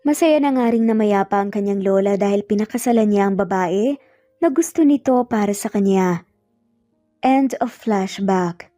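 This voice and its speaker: A woman with a Filipino accent performs as a storyteller, reading a scripted dramatic story in a mellow voice on the high side. The sound is described as studio quality with no echo, yet also dull and lo-fi, with background music behind her.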